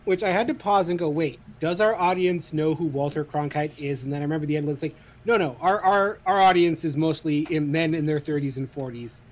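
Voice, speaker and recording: Thirties co-host, man, lightish voice, animated, cusses a lot. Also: fairly high pitch, brisk, hardly any pauses, a little hiss or hum. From Idaho, USA. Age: 30s. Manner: swears freely, animated, self-deprecating. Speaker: podcast co-host. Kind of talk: casual chat.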